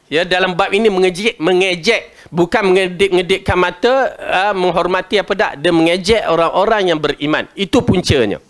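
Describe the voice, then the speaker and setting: A man with a Malaysian Malay accent giving a Quran commentary lecture, colloquial and jokey, chanting verses slowly. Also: sits high, fairly bright tone.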